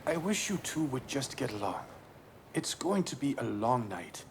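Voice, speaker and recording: A man's voice: mid-range voice, sing-song, moderate pace, creaky, slight background noise. A man playing an earnest, conciliatory male lab leader in a mystery video game. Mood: weary, conciliatory. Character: ailing, earnest man who leads a laboratory.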